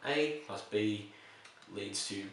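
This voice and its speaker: Casting note: low-voiced male chemistry teacher, easygoing and explanatory, recorded off-mic in a very echoey room. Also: takes it slowly, distant mic, a little hiss or hum. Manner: relaxed, explanatory, with fillers and self-corrections. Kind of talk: recorded lesson explaining reactions.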